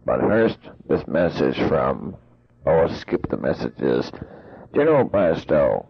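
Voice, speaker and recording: A mock radio interviewer, played by a man, with a very low, gravelly, husky voice that swings up and down as he runs through his broadcast patter. The sound is tinny and phone-like, with no room around it. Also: big pitch swings, slow, no room sound, exaggerated voice. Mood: mock-serious. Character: droning male radio interviewer. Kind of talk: 1980s home-made comedy tape.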